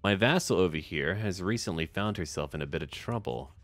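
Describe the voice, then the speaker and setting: A gaming video host offers casual, in-character commentary on a strategy game, thinking out loud in short remarks as though addressing the characters. His low voice is animated, fairly quick and a bit bright, with no room sound and background music behind him.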